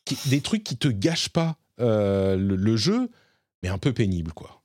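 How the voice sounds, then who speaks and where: Low-voiced man chatting casually about games. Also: unhurried, dry recording, clean studio sound. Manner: relaxed, hesitant, many fillers and restarts. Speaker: gaming stream co-host.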